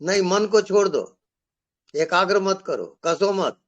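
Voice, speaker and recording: A man acting as a spiritual teacher, giving calm guidance in short, repeated instructions during a live question-and-answer session. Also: sits high, takes it slowly, dull audio.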